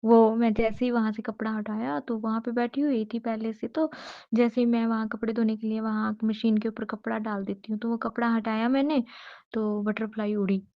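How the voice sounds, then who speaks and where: A woman's voice: a little high, level tone, normal speed, dry recording, lo-fi sound. Earnest woman giving devotional testimony. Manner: earnest, grateful, repeats thanks. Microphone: phone voice recording.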